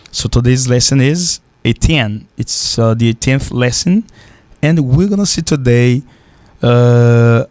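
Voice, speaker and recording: A man's voice: mid-range voice, a little mellow, no echo. A man with a mid-range voice leads a radio English lesson. He repeats each word again and again as a drill. The studio sound is dry and close. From Haiti. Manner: repeats words slowly for drills, mixes languages. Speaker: English teacher.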